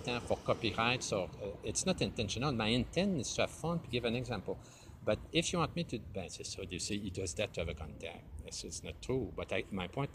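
A vlogger in his fifties, a native French speaker with a Quebec accent, films himself outdoors with his phone held low at arm's length beside a stone wall under trees. In an improvised comedy vlog he talks to an imagined partner, rambling self-mockingly and slipping French words into his English. Outdoor noise and passing traffic fill the recording.

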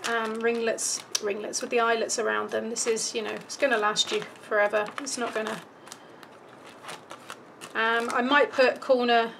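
Her voice starting to go, a British woman chats through a step-by-step craft tutorial at an indoor craft table, thinking out loud as she goes. She speaks a little high in a level tone at normal speed, with vocal fry and some background noise.

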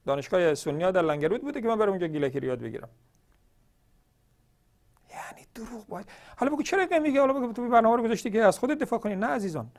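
A man's voice: high voice, a little mellow. A man from northern Iran hosting a religious question-and-answer show, arguing emphatically with many rhetorical questions. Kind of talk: televised polemical monologue.

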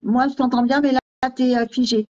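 A woman's voice: sits high, steady tone, a little fast, darkish tone, lo-fi sound. A woman hosting a live stream as a medium, greeting viewers and reading comments aloud in a scattered way. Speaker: host medium.

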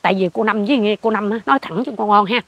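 An older woman with a Southern Vietnamese accent, telling a ghost story in an animated way and acting out what she saw. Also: medium pitch, very fast, husky, no room sound. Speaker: interviewee. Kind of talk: ghost story told in conversation.

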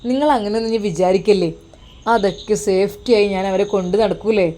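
A woman's voice: mid-range voice, fairly even intonation, a little fast, warm tone, close to an everyday voice. A woman voicing an affectionate, playful young son who reassures his mother. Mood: reassuring. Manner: joking, reassuring.

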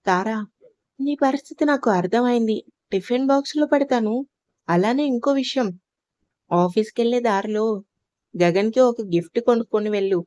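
A caring young sister-in-law from an audio storybook, as a woman reading the tale puts her on, fond and bossy, gently scolding as she hands out advice. The voice sits in an ordinary middle range with a dark, mellow tone. It is a dry recording with no room sound. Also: a little high, normal speed, pauses often, no room sound, natural voice. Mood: fond, coaxing.

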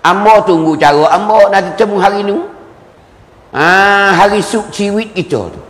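A man with a Kelantan-Pattani Malay accent giving a religious lecture, repeating words for emphasis and chanting Arabic verses slowly. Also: high-pitched, lively intonation. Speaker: religious teacher. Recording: echoey hall with long reverb.

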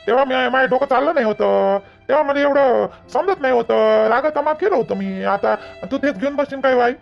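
A man's voice: extremely high pitch, a little fast, vocal fry. A young man playing a son in a village family skit, talking in a pleading, soothing way. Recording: dull lo-fi recording, faint music.

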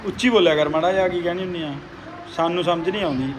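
A woman's voice: lowish voice, fast, background noise. A woman with a Punjabi accent, filming a casual family vlog and coaxing and teasing her children with questions.

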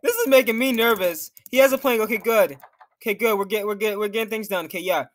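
A nervous young man talks to himself while playing, reacting to on-screen events as a YouTuber commenting on his gameplay. He speaks fast in a high, slightly bright voice, sounding jittery.

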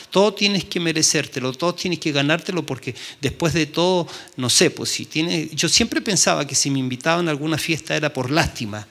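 A man's voice: medium pitch, fairly bright tone. A middle-aged man with a Chilean accent, preaching a sermon as pastor and telling a personal story with many halts and restarts. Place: church.

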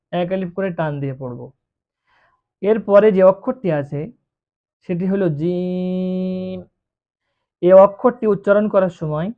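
A Quran reading teacher giving a beginner lesson, patiently drawing out each letter sound to demonstrate it. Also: medium pitch. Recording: tinny phone-like recording.

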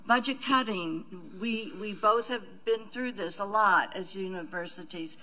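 Slow, bright-voiced woman presenter. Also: medium pitch, low-quality recording. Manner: measured, with many fillers and restarts. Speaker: university administrator. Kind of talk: panel presentation. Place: conference room, seated at a table.

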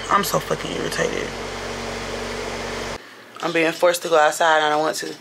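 A young woman vlogs casually from home, talking straight to her viewers with plenty of swearing and exasperation. Her voice has a gravelly fry to it. The phone recording is noisy. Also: low-pitched, flat delivery, measured pace. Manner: profane, exasperated, talks to viewers as y'all. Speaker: vlogger. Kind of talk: casual vlog chat.

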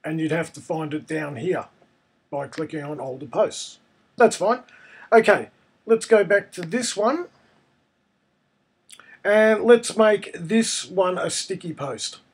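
A man presents a casual software tutorial in a noticeably high voice. It sounds husky and croaky, hoarse with a cold, as he talks through each step. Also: expressive, slow pace, pauses often. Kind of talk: casual screencast tutorial narration.

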